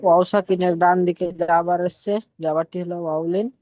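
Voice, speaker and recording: Flat-voiced man reciting a rule, lo-fi. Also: sits high, normal speed, no echo. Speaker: student.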